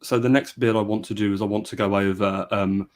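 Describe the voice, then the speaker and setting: A podcast host leads a casual live-stream history discussion, hesitating often and restarting his sentences amid many fillers. His lowish voice is steady in tone, a little mellow, and brisk in pace.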